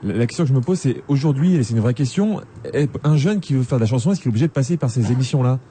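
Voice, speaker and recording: A man's voice: mid-range voice, expressive, racing, warm tone. A man on a radio panel asking an earnest, careful question. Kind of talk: radio talk show chat. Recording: radio broadcast with faint noise.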